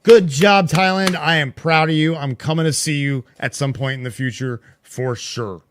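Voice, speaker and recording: A man co-hosting a casual podcast chat, excitable and quick to exclaim. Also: on the high side, a little hiss or hum. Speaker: podcast co-host.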